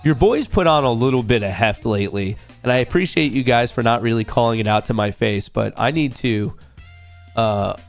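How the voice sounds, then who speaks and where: Still recovering from a cold, this young streamer has a gravelly, fry-edged and slightly nasal mid-range voice as he banters loosely with his chat at normal speed. Soft music plays faintly underneath.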